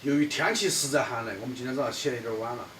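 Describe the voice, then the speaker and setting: A man speaks in Sichuan dialect at a middling pitch, in the easy conversational style of a family vlogger. The home recording has clear noise behind him. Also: racing. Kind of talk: casual vlog chat. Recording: noisy handheld home video.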